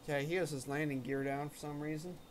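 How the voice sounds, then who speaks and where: A man's voice: a little high, fairly even intonation, fast, a little hiss or hum. A man hosting a casual gaming stream, chatting with friends and narrating his flight aloud. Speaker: streamer and host.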